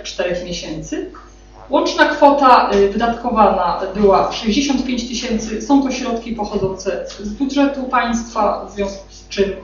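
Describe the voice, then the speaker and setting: A woman, a municipal social welfare official, presents an annual report at a meeting, reciting figures with frequent hesitant filler sounds. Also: mid-range voice. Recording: echoey meeting room, distant, dull, noisy.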